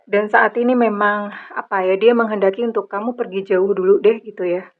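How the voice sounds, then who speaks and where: A middle-aged woman giving a general tarot reading, chatty and animated, with many fillers. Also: medium pitch, brisk. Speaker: tarot reader. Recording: slightly dull lo-fi recording.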